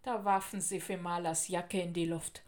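A woman narrating a children's storybook in a clear, even storytelling manner. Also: on the low side, normal speed.

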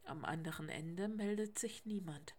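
Woman, storybook narration, expressive, lively reading. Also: fairly low pitch, normal speed.

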